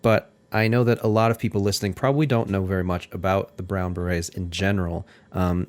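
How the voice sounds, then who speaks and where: Deep-voiced man hosting a radio interview. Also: darkish tone. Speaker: radio host.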